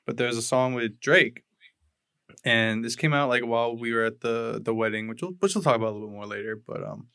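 A young man co-hosting a podcast among friends, rambling at an easy, laid-back pace and swearing freely. His voice sits at an ordinary middle pitch. The sound is dry and close, with no room echo. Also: brisk, bright, forceful tone, clear, resonant tone. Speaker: podcast co-host. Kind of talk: casual chat.

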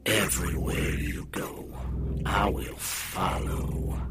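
A man's voice: lowish voice, huge pitch swings, drawn-out words, vocal fry, full character voice. A man voicing a sadistic, flesh-eating male monster who taunts in a singsong, whispery way. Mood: menacing whisper. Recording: music underneath.

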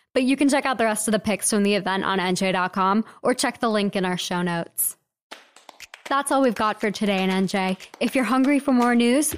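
A woman's voice: mid-range voice, smooth. A young woman hosting a short news podcast, reading a script in a playful, wry way with jokey asides.

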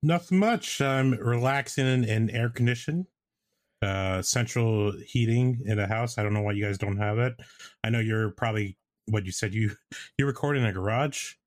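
Halting, casual man co-hosting, dry sound. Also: fairly low pitch, no echo. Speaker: podcast co-host. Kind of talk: casual chat. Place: indoors at home.

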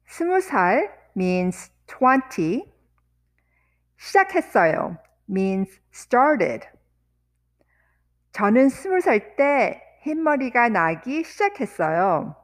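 A woman teaching vocabulary, saying each word slowly and deliberately, repeating words and sentences one piece at a time. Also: on the high side, sing-song. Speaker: language teacher. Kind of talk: vocabulary lesson with repetition.

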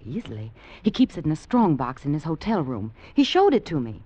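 A scheming, practical young woman from Virginia, brisk and earnest as she presses her case. Her pitch swings widely. The sound is muffled and lo-fi, like an old film reel. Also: huge pitch swings, mellow, slightly rough, heavily acted. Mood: urgent, earnest.

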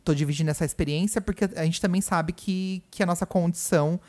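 Um homem com sotaque brasileiro, co-apresentador de podcast, conversando de forma casual num quarto de hospital e contando tudo com emoção. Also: male voice, high-pitched, fairly even intonation, quick pace, darkish tone. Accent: Brazilian Portuguese. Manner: chatty, emotional storytelling full of "né" and "gente". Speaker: podcast co-host. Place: hospital room.

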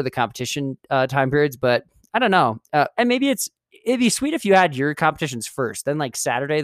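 With a smooth, medium-pitched voice and no echo, a man hosts his own podcast solo on a studio mic. His talk is chatty and rambling, with frequent self-corrections mid-sentence.

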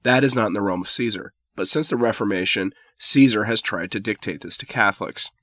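A man's voice, low-leaning and fairly bright, runs a little fast and sounds stuffed up from a head cold. Hosting his commentary podcast, he argues his opinions firmly with an occasional sardonic aside, captured at studio quality with no room sound.

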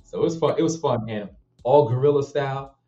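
A man's voice: medium pitch, a little fast, mellow, highs cut off, faint music behind. A man who acts and makes films, talking casually about his projects in a laid-back, slangy way. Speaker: actor and filmmaker guest. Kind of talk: casual interview chat.

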